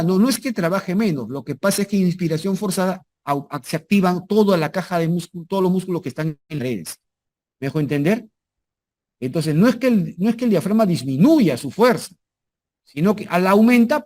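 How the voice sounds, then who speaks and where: A man's voice: sits high, darkish tone. A male anatomy lecturer talks his class through slides in a slightly raised register. He repeats each key term and keeps asking whether his students follow. Now and then he throws in a jokey aside.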